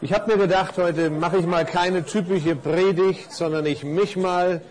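A man's voice: high-pitched, measured pace, low-quality recording. A man, a pastor, giving a casual sermon built around stories and reading one aloud. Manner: casual, lively storytelling. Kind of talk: storytelling sermon.

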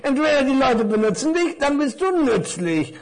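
A man voicing a small, jaded gift-wrapped tie in a children's story, a squeaky, lecturing know-it-all. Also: sing-song, moderate pace, full character voice.

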